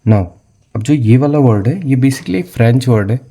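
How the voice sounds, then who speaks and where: A young adult man tutors exam-prep vocabulary in an animated, dark-toned, mid-range voice at a moderate pace. He often asks a question and then answers it himself, says "theek hai na" a lot, and mixes English terms into his speech.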